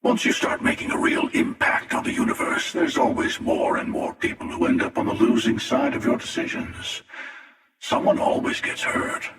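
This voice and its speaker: The Hunter, gravelly and echoing. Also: male voice, very high voice, huge pitch swings, fairly bright tone, exaggerated voice. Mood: smug, taunting. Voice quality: gravelly, breathy rasp. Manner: sardonic, deliberate, drawling taunts. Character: smug, menacing, world-weary male multiverse-hopping hunter. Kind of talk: video game character voice acting. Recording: echoing, long reverb, distant.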